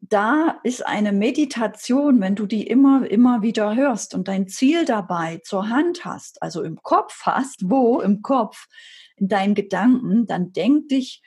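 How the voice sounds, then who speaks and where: A woman's voice: mid-range voice, lively intonation, measured pace, a little mellow, breathy edge. A woman coach giving a motivational podcast talk, emphatic and repetitive, answering her own questions in a preaching cadence.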